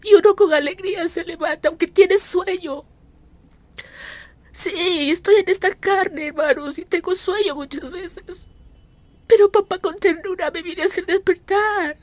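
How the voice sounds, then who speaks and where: A woman's voice: very high voice, unhurried, a little mellow, no room sound. A woman preacher recording a fervent, pleading prophetic exhortation as an audio message, repeating her appeals to the listeners. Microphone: self-recorded audio message.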